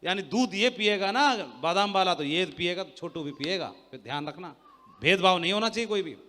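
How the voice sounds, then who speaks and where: A man giving a motivational sales talk on a handheld mic to a live audience, loud and teasing, quizzing the crowd. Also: high-pitched, animated, a little fast, in a large hall. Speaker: seminar speaker. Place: large hall with an audience.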